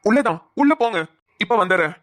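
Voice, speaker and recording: A woman voicing a calm, gentle young husband in a cartoon, speaking in a soft, reassuring way. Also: mid-range voice, a little fast, pitched below the performer's own voice, close to an everyday voice. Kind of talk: cartoon voice acting.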